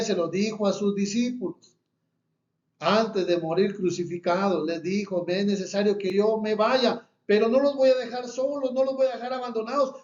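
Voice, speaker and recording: High-pitched guy giving a sermon, hammers the same phrases, roomy echo. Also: a little mellow. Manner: emphatic, repeats key phrases. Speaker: preacher. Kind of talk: sermon with Bible reading. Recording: echoey room, dull lo-fi sound.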